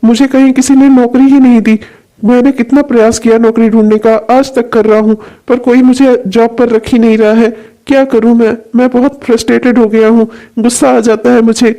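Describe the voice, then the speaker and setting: In this cartoon dub, a man voices a worried, jobless husband and father who sounds anxious and despairing. His pitch is extremely high and level, his pace brisk, and his tone dark.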